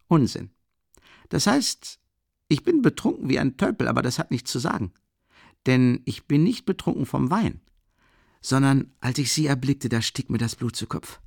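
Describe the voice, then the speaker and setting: A man reading an audiobook voices a drunk, rapturous young man who babbles in an excitable, gushing rush. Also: medium pitch, moderate pace, gravelly, dry recording, studio quality, pitched above the performer's own voice. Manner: excitable, gushing, tumbling speech. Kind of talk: audiobook character voice.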